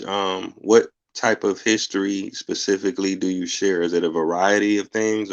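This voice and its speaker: Deep-voiced man hosting a podcast. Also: dull audio. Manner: laid-back, frequent fillers. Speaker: podcast host. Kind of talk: casual interview.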